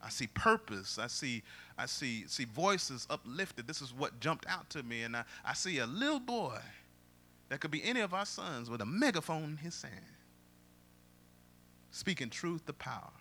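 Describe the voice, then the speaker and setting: A male pastor preaching a sermon, booming and drawn out when he reads scripture and dropping low for his asides. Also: very animated, normal speed, sharp tone.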